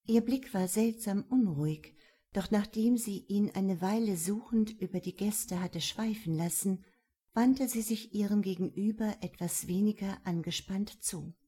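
A woman narrating a novel in a calm, measured storytelling manner. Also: medium pitch, breathy edge. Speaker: audiobook narrator. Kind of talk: scripted narration.

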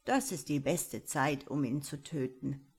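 A woman doing a low-voiced old forest mannikin. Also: measured pace, a little mellow, slightly rough, exaggerated voice. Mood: instructing. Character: old grey little man, forest helper, calm and wise.

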